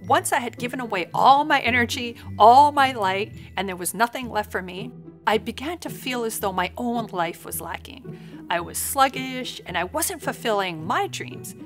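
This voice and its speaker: A woman's voice: a little high, lively intonation, normal speed, faint music behind. A woman in her thirties, a spiritual guide, telling her story in a frank, chatty and dramatic way, acting out quotes. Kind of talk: candid storytelling vlog.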